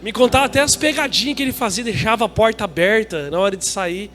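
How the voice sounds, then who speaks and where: A man's voice: sits high, fast. A young Brazilian man, a pastor, telling a personal story in a sermon and acting out the voices of the people in it. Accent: Brazilian Portuguese. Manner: lively storytelling, acting out dialogue.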